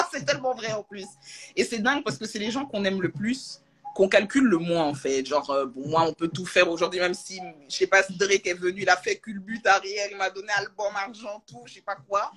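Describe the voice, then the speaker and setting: Young woman on a phone live stream from home, slangy and jokey, chatty asides, mid pitch. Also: normal speed, fairly bright tone, slightly rough, low-quality recording. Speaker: social media creator on a live stream. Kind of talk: casual live-stream chat. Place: at home, in a room with a closed door.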